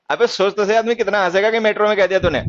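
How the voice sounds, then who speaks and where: A man teaching English grammar in a classroom lecture, teasing students about their mistakes and reading example sentences slowly. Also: high voice, a bit bright, no echo. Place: coaching class in Delhi. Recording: dull, dry lo-fi sound.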